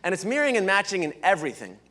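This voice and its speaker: A man giving a live motivational training talk at a conference, energetic, often asking "right?" and throwing questions to the audience. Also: high voice, very fast. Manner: energetic, keeps checking in with "right?". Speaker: sales leadership trainer. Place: conference hall, indoors.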